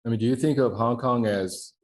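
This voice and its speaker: A man hosts a casual interview conversation, asking friendly questions and tossing in light jokes. His pitch is medium and he speaks fairly quickly.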